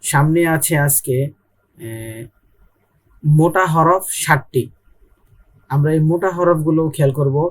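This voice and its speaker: A man's voice: on the high side, steady tone, unhurried, long pauses. A young man with a Bangladeshi Bengali accent teaching Arabic letters in an online Quran lesson, patiently repeating and drilling each sound.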